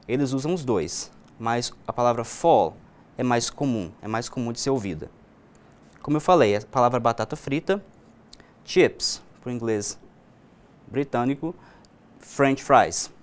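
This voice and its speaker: A Brazilian man with a Brazilian Portuguese accent gives a recorded online class on English vocabulary. His voice sits at an ordinary middle pitch for a man. He explains patiently and slows down to model each English example word. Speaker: English teacher.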